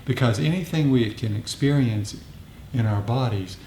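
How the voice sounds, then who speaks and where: Leading a casual discussion at a meditation group meeting, a man explains reflectively and tends to repeat his phrases. He speaks at a normal speed in a medium-pitched, dark-toned voice. Faint noise and echo come from the meeting room.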